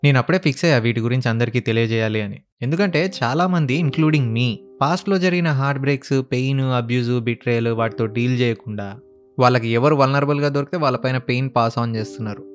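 Fast-talking sarcastic man telling stories. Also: medium pitch, faint music behind. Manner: sarcastic, blunt, mixes in English phrases. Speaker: relationship advice vlogger. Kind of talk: casual storytelling commentary.

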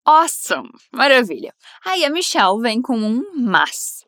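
A Brazilian woman teaching English phrases to Portuguese speakers, repeating lines slowly and then explaining them quickly and encouragingly. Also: a little high, big pitch swings, fairly bright tone, no room sound, studio quality.

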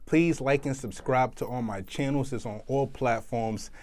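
A man's voice: medium pitch, a little slow, darkish tone. Guy hosting a chill interview show, hyped slangy talk, regular mid voice.

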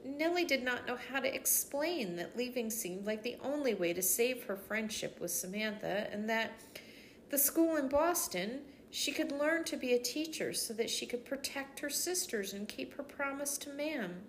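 A woman's voice: on the high side, normal speed, a little hiss or hum. Grandmotherly woman reading a storybook aloud. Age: older. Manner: gentle, expressive storytelling. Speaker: storybook reader. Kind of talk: reading a children's chapter book aloud.

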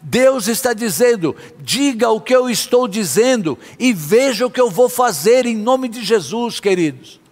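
High-voiced man preaching in an echoing hall. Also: lively intonation, measured pace, darkish tone. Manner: impassioned preaching, sometimes half-singing his phrases. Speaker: pastor. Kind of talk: sermon. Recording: long hall reverb.

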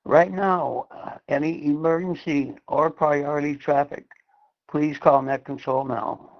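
Gravelly radio operator on fading shortwave. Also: male voice, a little high, steady tone. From Massachusetts, USA. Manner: measured, formal on-air calling, spells call signs phonetically. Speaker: net control operator. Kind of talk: amateur radio net procedure. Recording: dull lo-fi radio sound.

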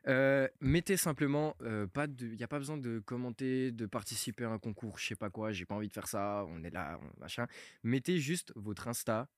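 A young man from Switzerland hosts a casual podcast, relaxed and joking, his voice often dropping low as he trails off. The sound is dry and close, with no room echo. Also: moderate pace. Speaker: podcast host.

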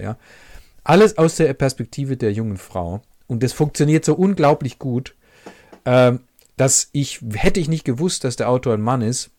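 A man reading a first-person novel passage aloud in a measured, reflective way. He then comments on it as a book reviewer. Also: mid-range voice, a little mellow, no room sound. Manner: measured, reflective, pauses to savor sentences.

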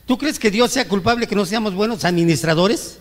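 Recorded in an echoing church hall, a man with a high-sitting voice preaches at a fairly quick clip. The pastor throws rhetorical questions at his listeners and plays out whining complaints directed at God.

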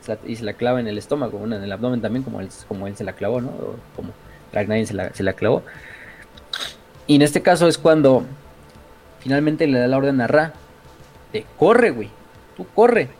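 A man with a Mexican accent, a streamer casually retelling game lore in an excitable, profane way, full of fillers and slang. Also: medium pitch, brisk, long pauses. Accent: Mexican Spanish.

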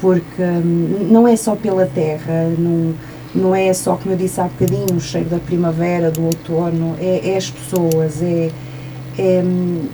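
A woman's voice: fairly low pitch, level tone, moderate pace, mellow, rough recording. A woman from northern Portugal with a European Portuguese accent, speaking casually as a guest in a radio interview. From Trás-os-Montes, northern Portugal. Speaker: studio guest, a doctor by title. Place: radio studio. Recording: noticeable background noise.

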